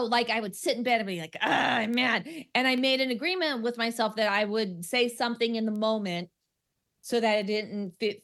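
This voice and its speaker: This woman's voice sits fairly high with a fairly bright tone. She's a stand-up comic with a stutter, talking loosely on a radio interview, full of fillers and restarts and quick to laugh.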